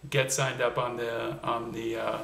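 A man's voice: medium pitch, little pitch movement, fairly bright tone. Man coaching pronunciation in an echoey room. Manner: slow, clearly modeled example words. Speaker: accent reduction coach. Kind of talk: video blog pronunciation lesson.

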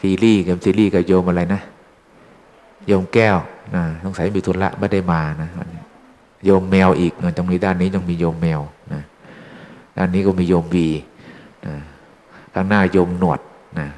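A fairly low-voiced monk gives a relaxed dharma talk to lay followers, chatty and teasing as he quizzes them. His voice carries a long reverb off a big temple hall. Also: normal speed, pauses often. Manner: chatty, teasing the audience with questions. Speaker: Buddhist monk teaching dharma.

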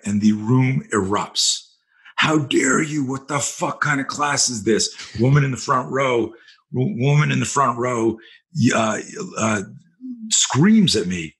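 On a podcast interview, a self-defense instructor spins vivid, profane stories in a blunt way. His voice sits at medium pitch with a touch of brightness.

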